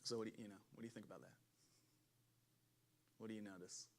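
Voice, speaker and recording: A man leading a relaxed Bible discussion as pastor, chatty, laughing and breaking off mid-sentence. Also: fairly low pitch, fast. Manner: chatty, self-interrupting, laughs often. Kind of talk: conversational Bible study talk.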